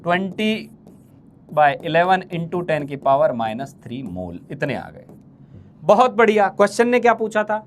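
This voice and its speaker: A man's voice: on the high side, very animated, a little slow, slight background noise. A man teaching chemistry in a live exam-prep lecture. He keeps repeating his questions to the class and teases his students with playful names.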